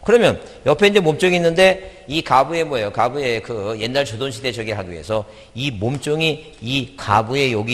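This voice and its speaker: A man's voice: medium pitch, in a large hall. A middle-aged man giving an exam-prep lecture, repeating points and quizzing his listeners with questions.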